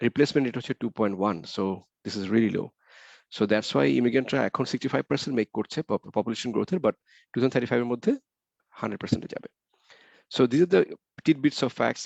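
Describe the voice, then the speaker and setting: Here a male webinar presenter races through a slide deck in English and Bengali, his medium-pitched voice gravelly yet slightly mellow. Rhetorical questions and repeated key points punctuate his rapid delivery. The video-call computer mic yields a dry, muffled, somewhat dull recording.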